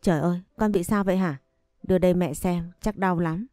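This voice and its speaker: A woman's voice: lowish voice, steady tone, a little fast, warm tone, dry recording, clean studio sound, natural voice. A woman voicing a spiteful middle-aged mother who dotes on her son. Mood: fussing.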